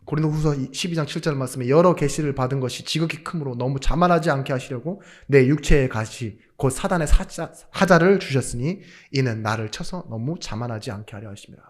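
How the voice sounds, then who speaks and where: A male pastor delivers a sermon in a mid-pitched voice. He swings between soft, almost spoken asides and sudden loud, rising emphasis, keeps asking the congregation rhetorical questions, and lightens the preaching with jokes. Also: a little fast, few pauses. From South Korea. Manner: jokey asides.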